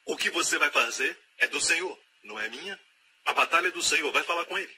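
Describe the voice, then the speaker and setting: Male preacher, sermon, very bright tone, emphatic, repetitive, faint background hiss. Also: on the high side, expressive, quick pace. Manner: emphatic, repeats key phrases, acts out quoted voices.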